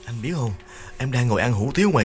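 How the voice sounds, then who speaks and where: A man's voice: mid-range voice, expressive, quick pace, breathy edge, faint music behind, pitched above the performer's own voice. A male narrator voicing a frightened young man who begs his older brother in a shaky, half-whispered voice. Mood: frightened, pleading. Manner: trembling, pleading, half-whispered.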